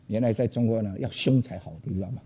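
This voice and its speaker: Loud and lively, an older pastor recounts something from his own life to a crowd, mixing in bits of English. His voice sits on the low side.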